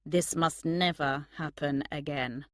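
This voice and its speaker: A woman reading the flat, uninterested lines of a carefree young man in a storybook reading. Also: sits low, takes it slowly, no echo, studio quality.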